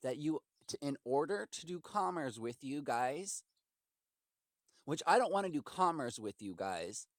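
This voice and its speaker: A man calls customer service and launches into an impassioned, rambling argument, aggrieved and preachy, with heavy emphasis and acted-out imagined quotes. His voice is on the high side with big pitch swings and an unhurried pace, recorded at studio quality with no room sound.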